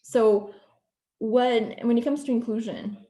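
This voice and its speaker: A woman's voice: on the high side, fairly even intonation, slow pace, warm tone, echoey room. A woman from Portugal, a non-native English speaker, giving a guest presentation over a video call, fluent but with frequent ums and restarts. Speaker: guest speaker, program coordinator.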